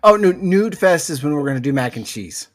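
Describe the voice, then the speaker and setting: A man's voice: a little high, animated, a little fast, faint music behind. A man co-hosting a podcast in casual chat, rambling and stammering over his words. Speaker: podcast co-host.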